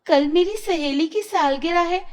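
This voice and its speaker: Woman voicing a shrill spoiled girl. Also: measured pace. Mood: whiny. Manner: whiny, shrill complaining. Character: spoiled jealous teenage girl.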